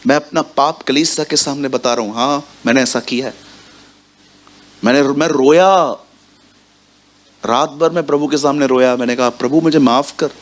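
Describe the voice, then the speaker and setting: A man preaching a sermon to a congregation in church. His delivery is lively, and he keeps putting direct questions to his listeners. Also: mid-range voice, normal speed, long pauses.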